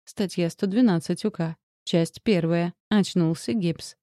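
A woman voicing a stern, sardonic male police captain, curt and gruff in a storybook reading. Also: fairly low pitch, unhurried, mellow, dry recording, studio quality, close to an everyday voice.

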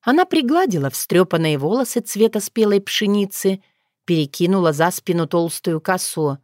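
Expressive woman narrating a fairy tale. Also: lowish voice, moderate pace, no echo, studio quality. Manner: expressive storytelling. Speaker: audiobook narrator.

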